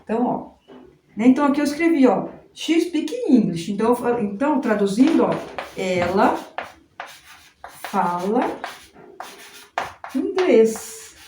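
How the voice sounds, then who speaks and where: A Brazilian woman teaches English in a relaxed, patient way, repeating points and checking in with her students. Her voice is warm and on the high side. The recording is roomy and echoey, with faint background noise. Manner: explains slowly and repeats, often tags "né?" and "ó". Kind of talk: informal video lesson.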